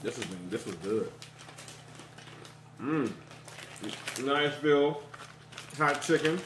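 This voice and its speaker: A man's voice: on the high side, expressive, slow, background noise. A man hosting a casual food review taste test at home, chatty and teasing. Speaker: video host. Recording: echoey room.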